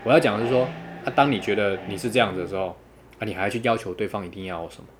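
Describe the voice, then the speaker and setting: Fast-talking man. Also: fairly low pitch, background noise. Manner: animated storytelling, quotes others, laughs loudly. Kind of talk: casual chat.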